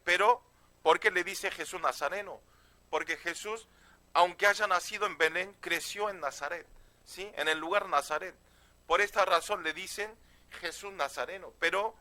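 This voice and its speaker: High, bright-voiced man preaching emphatically. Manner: emphatic, often asks "¿sí?" and "Amén". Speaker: pastor. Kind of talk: sermon.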